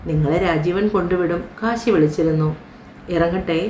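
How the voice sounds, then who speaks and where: A man's voice: on the high side, normal speed, darkish tone, a little hiss or hum, lightly acted. A woman voicing a dutiful young man speaking plainly, recorded in a roomy room.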